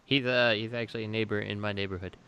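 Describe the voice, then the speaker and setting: Male panelist, low gravelly voice, hesitant delivery, faint hiss. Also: steady tone, fast talker, sharp tone. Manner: hesitant, restarts sentences. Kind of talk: casual chat.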